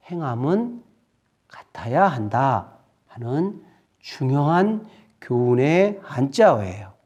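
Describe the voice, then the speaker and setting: A man giving a children's sermon, telling a Bible story in an expressive way and speaking to the kids as friends. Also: fairly high pitch, lo-fi sound. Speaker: children's ministry preacher.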